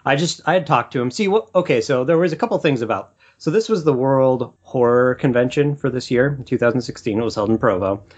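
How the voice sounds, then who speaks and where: A man co-hosting a movie podcast, telling stories in a rambling, animated way. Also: medium pitch, fairly quick, hardly any pauses, husky, lo-fi sound. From Utah. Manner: rambling storyteller, animated when excited. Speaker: podcast co-host. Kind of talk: casual podcast chat. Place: Portland, Oregon.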